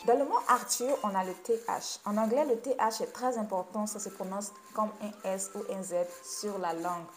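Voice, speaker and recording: A woman's voice: medium pitch, normal speed, soft background music. Playful woman English coach. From Côte d'Ivoire. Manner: playful, teasing. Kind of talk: video lesson.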